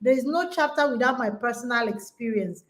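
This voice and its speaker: A brisk woman in her forties, voice on the high side, delivers a motivational talk to an online audience. As conference host and coach to women, she speaks emphatically, urging listeners forward with repeated rallying phrases.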